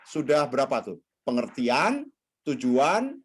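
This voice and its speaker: Man, communication trainer, video call, very expressive intonation, middle pitch. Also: takes it slowly, slightly rough. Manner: animated, swings pitch widely, addresses audience directly. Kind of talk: online training session with shared slides.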